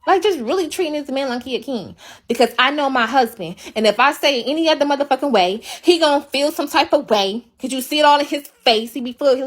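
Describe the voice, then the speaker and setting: Profane, ranting young woman livestreamer. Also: on the high side. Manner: blunt, profane, emphatic ranting. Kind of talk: casual livestream venting.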